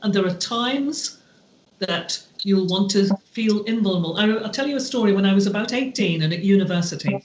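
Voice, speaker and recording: A woman guest on a podcast, telling stories slowly and deliberately in a heartfelt, reflective way. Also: mid-range voice, lively intonation. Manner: slow, deliberate, heartfelt delivery. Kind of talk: reflective storytelling in conversation. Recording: roomy echo.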